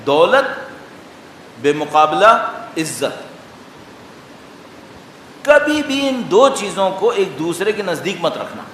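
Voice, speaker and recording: A man with a Pakistani Urdu accent preaching a majlis sermon, animated and full of rhetorical questions, with recited Arabic supplications. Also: sits high, slight background noise. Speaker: Shia preacher. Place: large hall. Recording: echoey hall recording.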